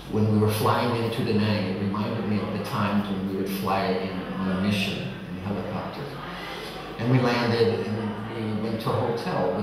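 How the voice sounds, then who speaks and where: A man in his sixties, a Vietnam veteran, recalling his past in a reflective, plainspoken documentary interview. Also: fairly low pitch. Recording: very echoey hall, distant mic, crowd noise.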